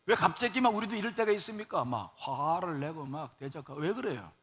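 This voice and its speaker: A male pastor preaching a sermon, questioning the congregation and mixing soft asides with raised exclamations. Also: a little high, expressive, a little fast.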